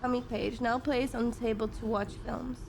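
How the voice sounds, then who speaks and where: A woman's voice: fairly high pitch, fairly even intonation, moderate pace, gravelly, noisy background. A woman streamer giving casual, playful and chatty commentary while playing a game. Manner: playful, chatty, sing-song.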